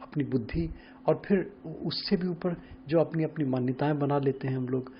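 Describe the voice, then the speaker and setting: Guy explaining stuff to camera, kinda high voice, keeps saying hai na, dull lo-fi sound. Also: moderate pace, slight background noise. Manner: reflective, explaining with rhetorical questions and frequent "है ना"; mixes English words into Hindi. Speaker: spiritual speaker.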